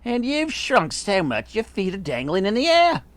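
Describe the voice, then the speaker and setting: Man acting a taunting, animated mean old husband. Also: sits high, moderate pace, voice pushed up. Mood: gloating. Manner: emphatic, taunting, mock-solemn.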